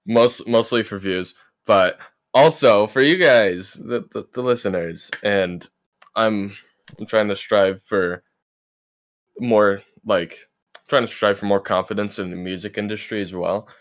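A man's voice: lowish voice, measured pace. A young man co-hosting a casual podcast, joking around and stammering, often repeating his words. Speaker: podcast co-host.

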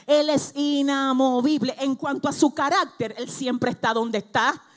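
Woman preacher, high voice, fiery sermon, quiet to shouting. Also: steady tone, unhurried. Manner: swings from quiet teaching to shouted, fiery exhortation.

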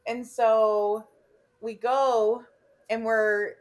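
A woman with a Chicago accent telling a story in casual chat, animated, laughing often and swearing freely. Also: on the high side, drawn-out words. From Illinois. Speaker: podcast guest.

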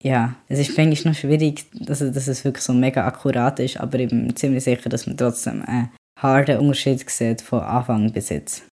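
A young man hosting a podcast, talking calmly and quietly in casual chat. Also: medium pitch, fairly quick, few pauses. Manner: calm, quiet talker, rises when emotional. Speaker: podcast host.

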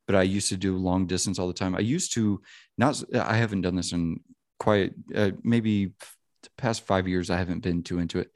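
Podcast host, man in his thirties, very low voice, dry close sound, loose profane storyteller. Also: darkish tone, dry recording. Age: 30s. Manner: rambling, profane, frequent "you know what I mean". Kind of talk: casual chat.

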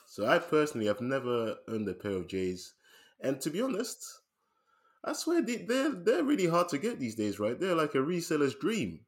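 A British man talks films with a friend in an easy, animated way. He laughs often and trails off into a quieter, lower register when he turns thoughtful. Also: moderate pace. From United Kingdom. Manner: animated, laughs often, drops to a low murmur. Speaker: podcast co-host. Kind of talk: casual film review chat.

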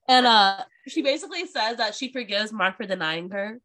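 Woman co-host, bright lively voice, casual book-club chat, laughs a lot. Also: medium pitch. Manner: animated, laughing, swearing freely.

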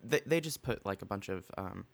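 A man's voice: fairly low pitch, animated, brisk, vocal fry. A man co-hosting a podcast, chatting casually and rambling with many restarts, with the hiccups. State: has the hiccups. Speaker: podcast co-host. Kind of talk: casual chat.

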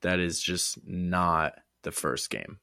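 A man's voice: low voice, steady tone, slow pace, vocal fry, sharp tone, no echo, studio quality. Blunt, teasing podcast co-host man. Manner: teasing, blunt, swears casually. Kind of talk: casual sports podcast chat.

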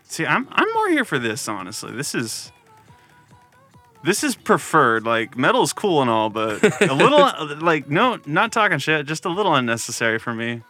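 Man, podcast co-host, casual banter, bright forceful voice, laughs and rambles. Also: fairly high pitch, huge pitch swings, moderate pace, soft background music. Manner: laughing, rambling, plays along with bits. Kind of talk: casual chat.

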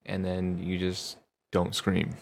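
A man playing in a tabletop game, talking in a halting way. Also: sits low, little pitch movement, creaky. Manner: halting, repeats words. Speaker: player. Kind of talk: casual game chat.

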